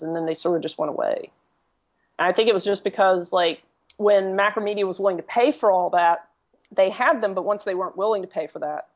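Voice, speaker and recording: A woman chats on a casual podcast, excitable and quick to laugh, with swearing sprinkled through her talk. Her voice sits on the low side. The recording is dull and lo-fi. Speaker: podcast guest.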